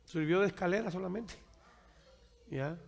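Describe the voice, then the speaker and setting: Man preaching, very gravelly voice, pitched high, keeps checking "right?", long echoing church hall. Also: normal speed, darkish tone. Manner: keeps asking "¿verdad?" and addresses listeners as brother. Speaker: pastor. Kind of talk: sermon with questions from the congregation.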